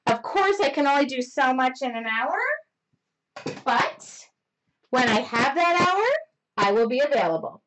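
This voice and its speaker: A woman hosting a live-streamed mixed media painting lesson, chatty and excitable, rambling and often talking loudly. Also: high-pitched, a little slow, long pauses, rough recording. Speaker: mixed media art instructor.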